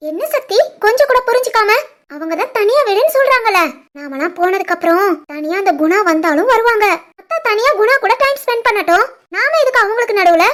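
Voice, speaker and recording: A woman voicing a playful young daughter-in-law who teases her family in an animated family story. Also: very high voice, quick pace. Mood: teasing. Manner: lightly teasing.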